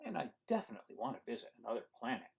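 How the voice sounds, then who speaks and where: A man reading a picture book aloud as an eager young boy who dreams of outer space, in a wide-eyed, excited storybook voice. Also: medium pitch, rapid-fire, gravelly, husky, full character voice.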